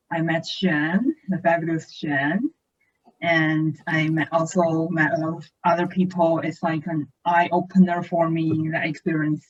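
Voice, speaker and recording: A woman in her late twenties from northern China, speaking English with a Chinese accent, a first language of Chinese, in a thoughtful, measured podcast chat over a remote call. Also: on the low side. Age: late 20s. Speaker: podcast co-host. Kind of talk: casual conversation. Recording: muffled lo-fi call audio.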